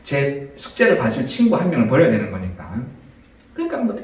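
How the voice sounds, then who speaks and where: A male priest preaches in a lively, storytelling way, his pitch rising and falling as he poses questions to the congregation. The sound is very echoey, as if from a big church. He is picked up from some way off the mic. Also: brisk, far from the mic. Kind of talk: sermon.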